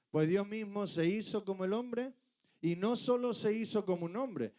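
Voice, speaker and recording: Preacher guy, high voice, emphatic sermon, keeps building to urgent peaks. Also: a little mellow. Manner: emphatic, rhetorical questions, rising to urgent peaks.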